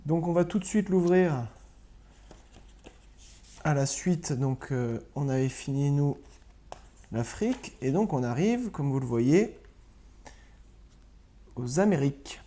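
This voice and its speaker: A primary school teacher recording a lesson for pupils at home, speaking slowly and spelling words out letter by letter. The voice is mellow and rather dark, with a lively, rising and falling tune as they check again and again that everyone follows. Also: mid-range voice.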